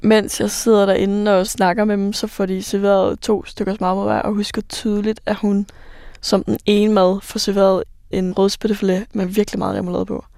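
A woman in her twenties, a bar worker, telling her own story for radio in a halting way, with many fillers and vivid recollection. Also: medium pitch, little pitch movement, creaky, dark tone, dry recording, clean studio sound. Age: 20s. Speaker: bar worker recounting rescues.

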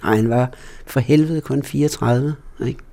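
A man's voice: medium pitch, vocal fry, warm tone. A Danish man recalling past events bluntly and emphatically, sometimes swearing. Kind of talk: personal recollection.

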